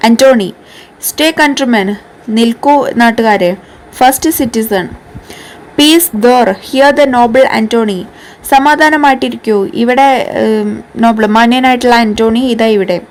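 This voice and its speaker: A woman teacher explaining a lesson, reading English lines slowly and then explaining quickly, translating word meanings. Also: fairly high pitch, low-quality recording.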